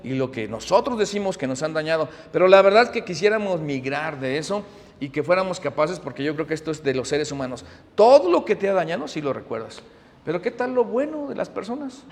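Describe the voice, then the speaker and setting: A middle-aged man, preaching a sermon, animated, moving between loud emphasis and hushed asides. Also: fairly high pitch, a little fast, long reverb tail. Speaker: pastor.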